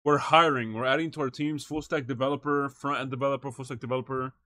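A man with a medium pitch and fairly even intonation talks quickly in a sharp tone. Streaming live, he reacts to a video, reads things aloud into a close microphone, and banters slangily with viewers, often calling out "bro" and "chat."

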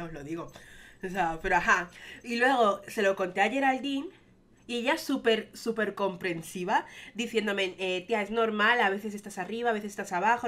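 Young woman, bright tone, casual rambling vlog storytime with lots of fillers. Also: mid-range voice. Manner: chatty, rambling with many fillers. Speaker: vlogger.

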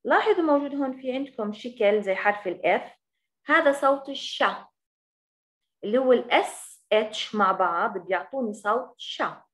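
Brief: a woman English teacher with a Levantine accent, fairly high voice, fast explanations that slow down for example words. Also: expressive, a bit bright. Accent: Levantine Arabic. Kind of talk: recorded grammar lesson.

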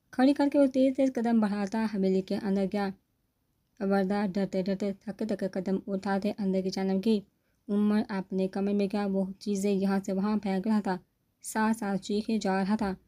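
A woman narrating a romance novel aloud in a steady storytelling manner. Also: medium pitch. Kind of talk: novel reading.

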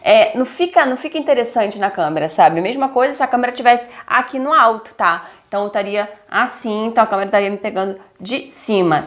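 Filmed indoors at home beneath a softbox, with a lapel mic on her blouse, a young Brazilian woman offers casual YouTube advice in a chatty vlog. Her voice sits a little high, her accent is Brazilian Portuguese, and her lively talk is full of "tá?" and "né?" check-ins.

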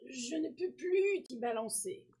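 A woman's voice: high-pitched, expressive, measured pace, darkish tone, breathy edge, pitched above the performer's own voice, full character voice. Woman voicing a tender, sighing old apple tree. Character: gentle generous old male apple tree. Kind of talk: storybook read-aloud.

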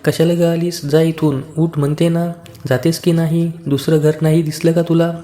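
A man voicing a proud, scornful queen who shouts scornfully in a devotional story. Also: fairly high pitch, little pitch movement, moderate pace, echoey room, natural voice. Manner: scolding, contemptuous. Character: arrogant queen, harsh and scornful.

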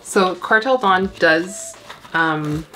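A Canadian woman with a Canadian accent hosting a casual plant unboxing vlog, chatty and gushing with excitement. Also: lowish voice, very slow, slight background noise. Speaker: plant channel host.

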